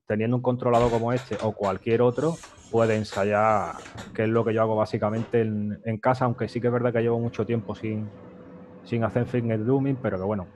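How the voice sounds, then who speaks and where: A man's voice: lowish voice, a little mellow, slight background noise. Casual Spanish man explaining his music setup. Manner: explains step by step with frequent fillers and restarts. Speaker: guest music producer. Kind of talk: casual demo walkthrough.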